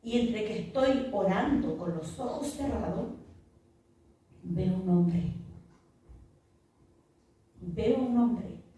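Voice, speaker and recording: A middle-aged Chilean pastor shares an earnest, vivid testimony in a podcast interview. Her voice is mid-range and warm. The mic is far away, and the room is echoey.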